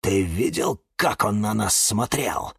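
A man voicing a suspicious, indignant male cactus in a children's audiobook, accusing and shouting. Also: on the low side, sing-song, takes it slowly, vocal fry, breathy edge, no echo, studio quality, full character voice. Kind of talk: audiobook character voice.

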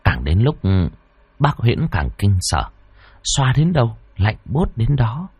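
Husky man telling a ghost tale. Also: medium pitch, takes it slowly, dry recording. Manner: dramatic, expressive. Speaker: storyteller. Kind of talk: spooky folk tale narration.

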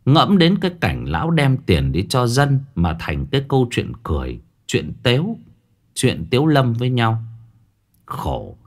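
A man narrating a folk ghost story in a vivid, dramatic way, with coarse village speech. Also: fairly low pitch.

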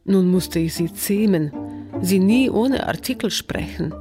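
A woman reading her own scripted literary narration in a measured, poetic way. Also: lowish voice, expressive, over music. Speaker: author and narrator.

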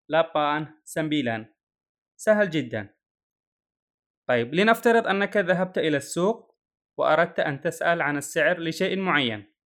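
Male language teacher, slightly higher voice, slow patient repetition drills. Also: fairly bright tone. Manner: says each word slowly three times for the learner to copy.

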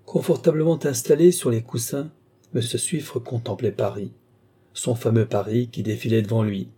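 A man reading a comic short story aloud, telling it with animated storytelling and voicing the quoted characters. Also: medium pitch, normal speed, breathy edge. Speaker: reader.

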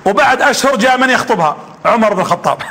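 A man's voice: very high-pitched, lively intonation, racing, sharp tone. A man preaching a sermon, telling stories with animation and quizzing his audience.

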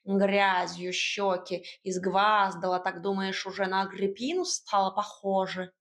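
A woman voicing a grumpy, bossy male talking cat in an audiobook, with a gruff, scolding drawl. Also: medium pitch, steady tone, a little slow, fairly bright tone. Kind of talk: audiobook character voice.

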